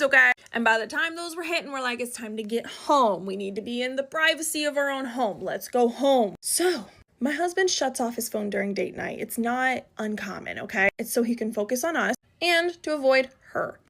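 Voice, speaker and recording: Young woman vlogger, high and bright, emphatic storyteller. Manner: emphatic, dramatic, keeps asking "okay?". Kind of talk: casual storytime.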